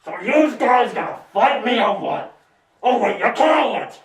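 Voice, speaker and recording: A man playing a boastful, petty villain overlord who shouts taunts and insults in a comedy sketch. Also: very high voice, animated, unhurried, a loud crowd. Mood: taunting. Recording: echoey room from a distance over music.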